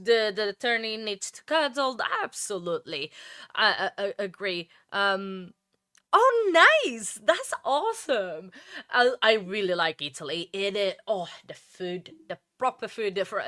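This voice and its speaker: Her medium-pitched voice sounds pushed and bright, captured in a dry, studio-quality recording. A Portuguese-accented true crime livestreamer, she chats loosely and rambles with her audience, stumbling through plenty of fillers and restarts while calling out chatters by name.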